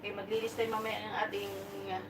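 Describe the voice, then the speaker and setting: A woman's voice: medium pitch, monotone, quick pace, far from the mic. A woman hosting a casual live stream, coaxing her dog and greeting viewers in a mix of Tagalog and English. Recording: echoey room, phone mic from afar, background noise.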